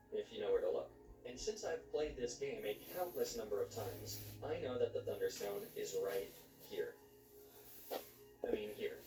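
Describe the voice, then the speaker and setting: A man's voice: medium pitch, distant mic. Guy doing scripted gameplay narration, kinda wry, sounds roomy and a bit away from the mic. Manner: wry, joking asides. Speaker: gaming video narrator.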